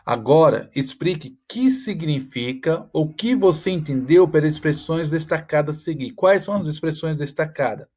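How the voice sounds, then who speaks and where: A man teaching a class, walking students through a task with frequent "tá?" check-ins and slowing down to spell out the rhymes. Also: on the high side, a little mellow. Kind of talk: online class walkthrough.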